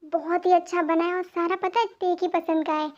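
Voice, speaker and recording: A woman voicing a gentle, calm mother and wife in an amateur fan dub. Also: very high-pitched, moderate pace. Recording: dull lo-fi home recording.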